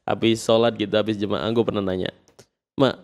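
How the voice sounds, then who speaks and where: A man's voice: fairly low pitch, flat delivery, quick pace, darkish tone. Probing man hosting a podcast. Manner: probing, affirms often with "oke". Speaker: podcast host. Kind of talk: casual podcast interview.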